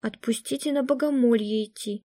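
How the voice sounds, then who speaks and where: A woman reading an audiobook aloud, voicing a stubborn young woman who speaks in a flat, reluctant monotone. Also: on the high side, moderate pace, no room sound, clean studio sound, natural voice. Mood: flat indifferent.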